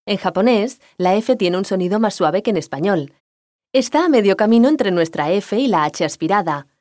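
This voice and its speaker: A woman giving a scripted language lesson, explaining pronunciation clearly and calmly. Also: mid-range voice, no room sound, studio quality. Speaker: language teacher.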